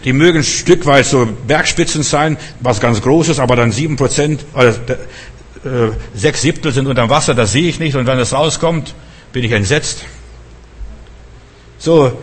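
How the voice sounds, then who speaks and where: A man's voice: mid-range voice, moderate pace, breathy edge. A middle-aged man preaching a sermon, pressing his listeners with repeated urgent questions.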